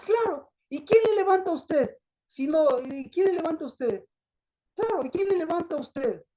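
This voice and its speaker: High mellow voiced woman preaching, keeps asking questions back and forth. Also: expressive, normal speed. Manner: asks the congregation questions and answers them herself; repetitive, emphatic. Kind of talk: sermon.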